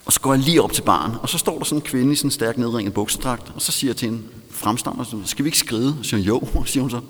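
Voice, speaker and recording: A man's voice: mid-range voice, fairly bright tone. A man with a Danish accent telling a candid personal story in a self-mocking way, laughing often. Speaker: storyteller recounting recovery. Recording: long hall reverb.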